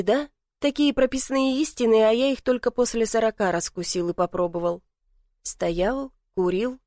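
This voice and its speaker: A woman reading first-person audiobook narration in an even, expressive way. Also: medium pitch, dry recording, clean studio sound.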